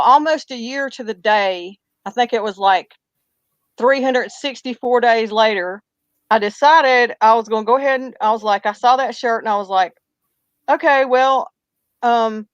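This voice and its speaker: A woman co-hosting a ghost story show chats casually, telling a rambling personal story and pushing through restarts and hesitations. Her voice is a little high with no room sound, captured on muffled, lo-fi audio.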